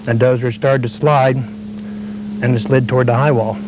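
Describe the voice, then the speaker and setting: Working man interviewed, plain halting speech, mid-pitched voice, worn VHS tape with faint hiss. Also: fairly even intonation, a little mellow, poor audio. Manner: plain-spoken, halting storytelling. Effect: worn VHS tape copy with faint hiss. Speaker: equipment operator interviewee. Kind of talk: interview answers.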